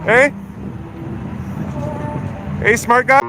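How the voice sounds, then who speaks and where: A man's voice: very high voice, steady tone, extremely slow, music in the background. A man livestreaming outdoors, talking in an agitated, combative way, swearing and repeating himself. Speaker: live streamer. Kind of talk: live street vlog, confrontational talk. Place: outdoors on a city street. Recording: noisy outdoor street livestream. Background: loud street and vehicle noise.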